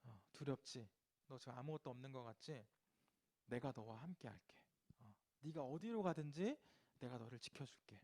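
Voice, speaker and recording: A man voicing God as a tender, fatherly deity, speaking reassuring promises in a gentle way. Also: medium pitch, brisk, voice pushed down, close to an everyday voice. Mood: tender, soothing.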